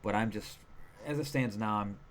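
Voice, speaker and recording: A man's voice: fairly low pitch, normal speed. A man co-hosting a gaming podcast, chatting casually and rambling with lots of fillers and restarts. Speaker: podcast co-host. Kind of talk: casual chat.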